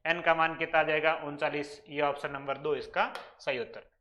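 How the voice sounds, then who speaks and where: Rajasthani guy teaching exam maths, high bright voice, keeps asking himself questions and answering them. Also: flat delivery, normal speed, muffled recording. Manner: talks through problems step by step, asking and answering his own questions. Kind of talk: exam-prep lesson.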